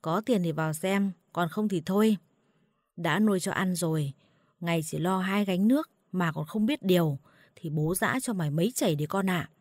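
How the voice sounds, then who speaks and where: Woman narrator voicing a bitter, bullying husband in a storybook reading; low, dry, harsh. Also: normal speed, darkish tone, no echo, natural voice. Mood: scornful. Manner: harsh, scolding. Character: angry opium-addicted husband, abusive, suspicious.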